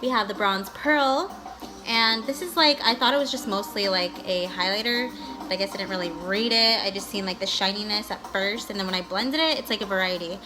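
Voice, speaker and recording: A beauty vlogger with a mid-range voice talks a little fast through a casual makeup tutorial, bubbly and gushing with valley-girl "like" and "guys." She's playful, slipping into sing-song bits and exclamations, while music plays behind her on a rough recording.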